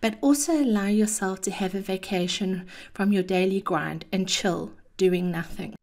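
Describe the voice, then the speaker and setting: A woman delivers a chatty motivational monologue as a podcast host. Her manner is theatrical and cheeky, mixing personal anecdote with encouragement. Her pitch sits in an average range for a woman. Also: moderate pace, darkish tone.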